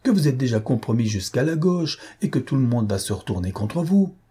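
A man's voice: mid-range voice, big pitch swings, fairly quick, dark tone, husky, pitched above the performer's own voice. A man voicing a loyal, blunt police sergeant who talks in urgent, slangy warnings. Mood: exasperated.

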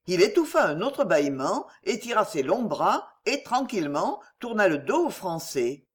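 A woman narrating an audiobook with expressive storytelling. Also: medium pitch, normal speed.

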